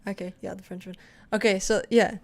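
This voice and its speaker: A woman's voice: mid-range voice, fairly even intonation, a little fast, gravelly, a little mellow. A young woman co-hosting a casual film podcast, chatty and full of fillers, acting out lines from scenes. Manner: chatty, filler-heavy, acts out scene quotes. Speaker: podcast co-host.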